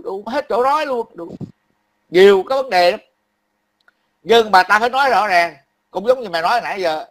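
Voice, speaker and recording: A man's voice: high-pitched, a bit bright. A man, ranting angrily and profanely about politics on a livestream, repeating himself and grumbling that he is worn out. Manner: angry, profane, repetitive ranting. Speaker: livestream commentator. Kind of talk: heated political rant.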